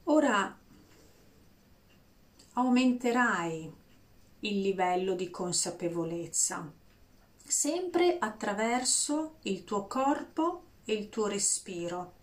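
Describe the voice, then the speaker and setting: A woman guiding a breathing meditation in a slow, soft, soothing voice with long pauses. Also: mid-range voice, lively intonation. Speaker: meditation guide.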